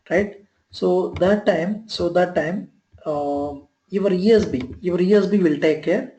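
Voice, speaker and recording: A software trainer with a slightly high, mellow voice gives a live online lecture, captured in a screen recording with echoey call audio. He speaks haltingly, repeats himself, and often asks "you are clear?"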